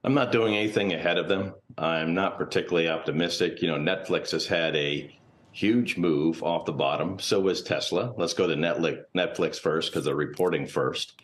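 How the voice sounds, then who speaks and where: Speaking at normal speed with a deep voice, a man offers careful, analytical commentary without a script. He is on a TV interview as a guest analyst, drawing on his work as a portfolio manager and finance professor.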